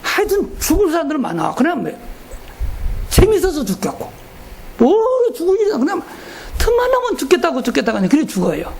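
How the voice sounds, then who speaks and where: A man's voice: very high voice, creaky, darkish tone, slight background noise. Middle-aged guy pastor, swoops all over when he preaches, jokey and folksy, keeps quizzing the crowd. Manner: folksy, joking, asks the crowd questions. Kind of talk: lively retreat sermon.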